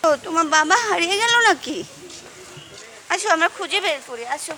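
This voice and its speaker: High-voiced mother coaxing her small child. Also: a little fast. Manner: coaxing, gentle, pointing things out to a small child. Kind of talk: casual vlog narration. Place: outdoors at a zoo garden. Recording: noisy outdoor ambience.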